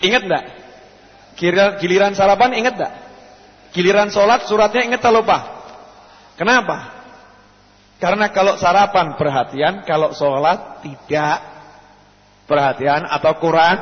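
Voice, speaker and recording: A man preaching to a congregation, swinging from pleading cries to quiet asides and questioning his listeners. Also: high voice, moderate pace, pauses often. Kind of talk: sermon to a live congregation. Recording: muffled sound in a large echoing hall.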